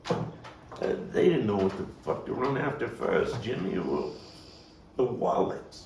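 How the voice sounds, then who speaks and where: Acting a coarse, wry, streetwise Brooklyn man recalling his boyhood gang, this performer uses a lowish, expressive, gravelly voice in a theatrical table-read monologue. He sounds excited and relishing, with dramatic pauses and emphatic swells, captured by a distant mic in a roomy space with faint noise.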